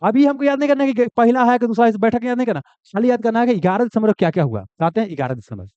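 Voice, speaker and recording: A man's voice: very high voice, animated, very fast, dark tone, clear, resonant tone, no room sound. A man teaching an exam coaching class, repeating key answers and asking and answering his own questions. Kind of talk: classroom lecture. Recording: dull, dry, lo-fi sound.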